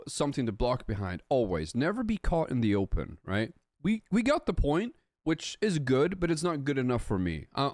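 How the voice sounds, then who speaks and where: Lively blunt male game coach. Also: medium pitch, no room sound, studio quality. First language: Swedish. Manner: blunt, nitpicky, profane, talks to chat. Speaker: game coach reviewing a player's replay. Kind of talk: streamed coaching commentary.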